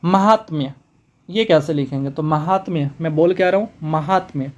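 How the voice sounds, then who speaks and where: A man teaching a spoken exam-prep lesson, brisk and repetitive, calling his students brother. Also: on the high side.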